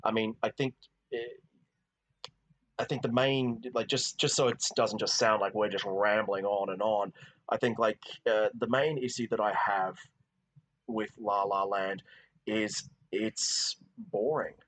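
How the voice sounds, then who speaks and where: A man's voice: on the low side, steady tone, measured pace, a bit bright, poor audio. A man co-hosting a film podcast, talking casually and rambling, with many restarts and "you know"s. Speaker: podcast co-host. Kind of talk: casual film review chat.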